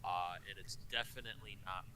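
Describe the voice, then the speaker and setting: A man running a tabletop game as game master, improvising narration in a hesitant, halting way. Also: deep voice, fairly even intonation, background noise.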